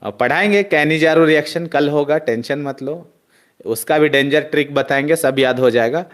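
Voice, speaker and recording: A male chemistry teacher with a fairly high voice leads an online class. He has students chant answers back at him and scolds them as he teaches. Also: normal speed. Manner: loud call-and-response drilling, chiding students.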